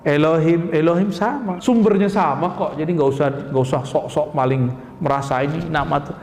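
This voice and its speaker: A man preaches in a high, carrying voice, talking with his congregation and throwing them rhetorical questions. His words ring through an echoey mosque with a long reverb tail. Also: a little fast, a little mellow, a little hiss or hum. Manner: conversational, addresses audience as Pak, rhetorical questions. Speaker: Islamic preacher. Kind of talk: sermon.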